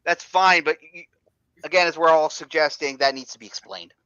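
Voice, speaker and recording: Muffled, high-pitched man asking questions. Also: a little fast, sharp tone, clear, resonant tone, no room sound. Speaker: workshop participant. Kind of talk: casual questioning. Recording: dull, muffled microphone.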